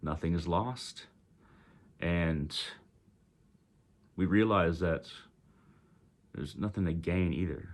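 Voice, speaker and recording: A man's voice: sits low, slow, long pauses. A man with a Texas accent casually retelling a story, rambling with many ums and self-corrections. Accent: Texan.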